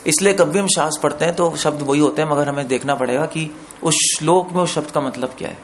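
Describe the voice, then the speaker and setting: A man with a fairly high voice teaching scripture to a gathering, pausing to quiz his listeners and slipping English terms into his explanation. A faint hiss sits under the recording. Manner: explains with questions to listeners, mixes in English words. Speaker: preacher. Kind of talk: scripture discourse.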